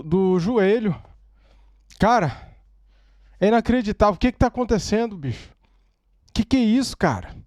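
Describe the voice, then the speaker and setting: Brazilian man, fan reaction host: high, swooping, agitated, dry close sound. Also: a little mellow, dry recording. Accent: Brazilian Portuguese. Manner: agitated, exclaiming, repeats "cara". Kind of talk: emotional fan reaction commentary. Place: at home.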